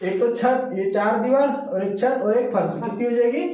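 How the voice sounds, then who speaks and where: A man's voice: very high voice, moderate pace, crowd noise. A man teaching a classroom lesson, counting aloud and constantly checking with his students through repeated questions. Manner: repetitive, keeps asking "है ना?" and counting aloud. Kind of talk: classroom lesson with call-and-response. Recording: echoey classroom from far off.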